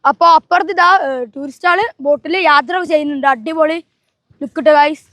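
A travel vlogger chats casually to her viewers in Malayalam with a Malabar accent from northern Kerala, sprinkling in English words. Her voice sits high and is a bit bright, she talks fairly quickly, and the recording is dry.

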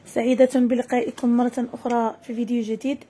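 A woman with a Moroccan accent leads a lesson for young children, and her voice sits high. She stretches each word out slowly and clearly so that the children can repeat after her. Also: little pitch movement, mellow, slight background noise. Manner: slow, drawn-out word modelling for children. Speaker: teacher. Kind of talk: first-grade lesson.

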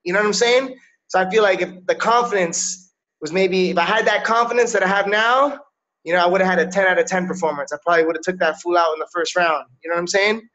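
A high-voiced male MMA fighter from Miami, in his thirties, guests on a casual video-call interview from a small indoor room, using streetwise slang with frequent "yo" and "you know what I'm saying." He talks fast in a pushed, bright voice. The webcam call audio is slightly dull and lo-fi.

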